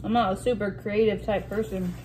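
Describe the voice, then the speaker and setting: A woman with a medium-pitched voice chats casually while eating soup, in the relaxed talk of a mukbang host. Cutlery and dishes clink in a noticeably noisy recording, and she pauses now and then to clear her throat. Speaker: vlog host reading out questions. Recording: noticeable room noise with dish and cutlery clatter.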